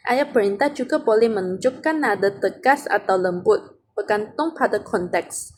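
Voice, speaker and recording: Woman, mid-pitched, methodical grammar read-through, faint hiss behind. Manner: steady, methodical reading with example sentences. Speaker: student presenting an assignment. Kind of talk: read-aloud grammar explanation.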